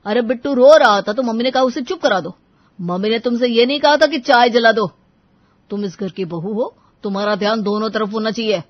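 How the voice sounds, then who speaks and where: A performer voicing a young husband in an animated story who lectures his wife and sides with his mother. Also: medium pitch, brisk, muffled recording, lightly acted. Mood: lecturing. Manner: lecturing, dismissive.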